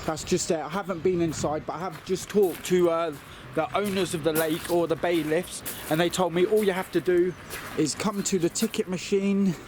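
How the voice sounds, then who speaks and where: Excitable man vlogging outdoors. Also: high-pitched, moderate pace, a little hiss or hum. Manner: chatty and excitable, laughs easily. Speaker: fishing vlogger. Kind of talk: casual vlog narration.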